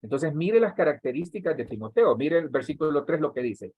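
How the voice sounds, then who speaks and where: Husky-voiced Honduran pastor teaching church workers. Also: male voice, fairly high pitch, big pitch swings, brisk, a little mellow, no echo, rough recording. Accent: Honduran Spanish. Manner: addresses listeners directly, repeats words, builds emphasis.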